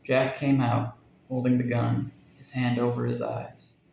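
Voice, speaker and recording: Gravelly man reading a dark story. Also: medium pitch, completely flat delivery, measured pace, echoey room, slight background noise, rough recording. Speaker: story narrator.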